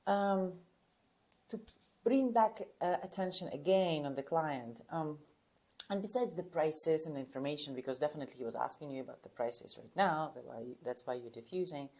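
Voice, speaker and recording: Woman sales coach, emphatic and instructive, lowish mellow voice. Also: normal speed. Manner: emphatic, acts out client and agent lines. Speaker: real estate sales coach. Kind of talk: coaching on cold-call scripts.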